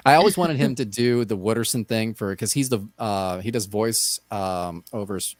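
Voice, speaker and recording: A man's voice: fairly low pitch, normal speed, dry recording. A man from Texas co-hosting a casual podcast, bantering and joking with his co-host. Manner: jokey, playful banter.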